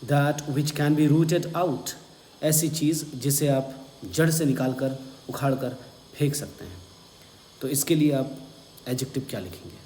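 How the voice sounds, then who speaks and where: A man with an Indian accent teaching an exam-prep vocabulary lesson, slowly spelling out words and repeating them. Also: a little high, mellow. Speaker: English teacher. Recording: echoey room with faint hum.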